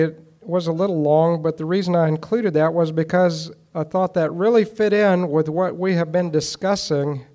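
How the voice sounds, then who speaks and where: A man reading historical accounts aloud in a measured, deliberate way, with small restarts, then commenting on them. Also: fairly high pitch, darkish tone.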